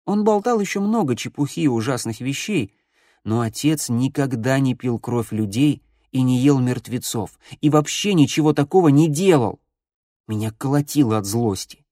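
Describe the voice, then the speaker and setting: Man, audiobook narration, dramatic and expressive, medium pitch, dry close mic. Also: moderate pace, no echo. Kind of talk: scripted first-person story narration.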